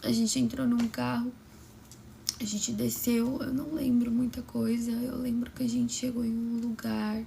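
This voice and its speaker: A young woman telling a personal story in a soft, often whispered and emotional way. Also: a little high, little pitch movement, unhurried, creaky, slight background noise.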